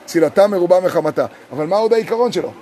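A male rabbi teaching a group in a sukkah. He tells a story, chants verses slowly and keeps asking his listeners questions. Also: high voice, lively intonation, a crowd in the background.

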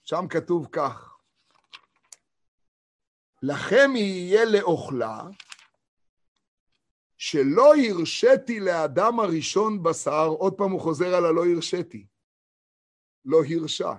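A man giving a Torah lesson. He reads verses slowly and talks emphatically, asking rhetorical questions. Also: high-pitched, lively intonation. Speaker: Torah teacher.

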